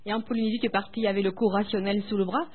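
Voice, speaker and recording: An interviewer asking short, prompting questions in a relaxed conversation, heard over a tinny phone line. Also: mid-range voice, racing, crowd noise. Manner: brief prompting questions and acknowledgements.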